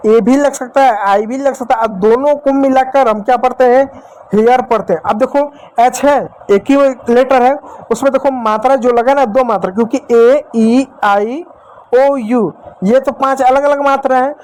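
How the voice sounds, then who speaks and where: High-pitched Indian man teaching English. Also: measured pace, darkish tone, rough recording. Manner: repetitive, asks questions then answers them. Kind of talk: classroom lesson at a board.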